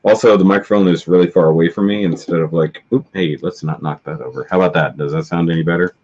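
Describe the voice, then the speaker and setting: A man's voice: deep voice, fairly even intonation, fast, a little mellow. A man hosting a live stream in casual chat, his voice coming through distorted and tinny while he rambles through tech trouble. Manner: rambling, self-correcting about tech trouble. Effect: distorted tinny audio. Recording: dull lo-fi stream audio.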